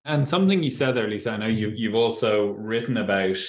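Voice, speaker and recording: A man's voice: lowish voice, animated, a little fast, echoey room. A man hosting an interview podcast, asking chatty, friendly questions with some restarts. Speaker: podcast host.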